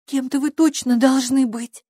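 A woman voicing a brave, curious young girl who speaks in a high, insistent, stubborn way. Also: fairly even intonation, unhurried, warm tone, slightly rough, dry recording, studio quality.

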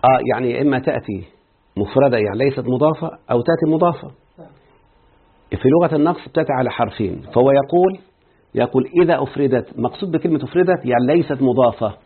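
A man with an Egyptian accent, a sheikh, explains an Arabic grammar text and quizzes his students as he goes, checking with them again and again. His mid-range voice is slightly rough and he talks fast. The line sounds tinny, like a phone.

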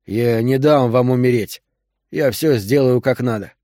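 A male audiobook reader voicing a gruff doctor who barks urgent orders during an emergency birth. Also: mid-range voice, a little slow, mellow, dry recording, studio quality, natural voice. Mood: coaxing.

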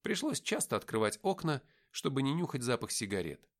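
A man narrating an audiobook in an expressive storytelling way. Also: mid-range voice, a little fast. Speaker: audiobook reader.

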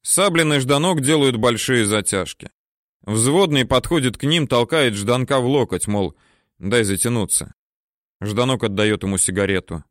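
A man narrating a war story audiobook in a steady, measured, terse manner. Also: mid-range voice, dry recording, clean studio sound.

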